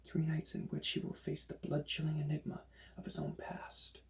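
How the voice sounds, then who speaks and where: A man doing a whispered role-play as a librarian recommending books, in a hushed, breathy library whisper. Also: on the high side, monotone, normal speed.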